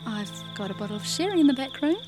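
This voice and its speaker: An actress playing a pushy, flirtatious clerk who keeps pressing a guest to stay. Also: female voice, high voice, sing-song, fast, loud music behind the voice. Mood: flirty. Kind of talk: acted drama dialogue.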